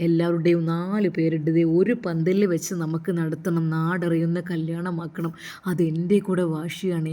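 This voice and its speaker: A woman's voice: lowish voice, dark tone, close to an everyday voice. A woman voicing a determined middle-aged father who speaks firmly and insistently, with a Malappuram Malayalam accent. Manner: firm, insistent.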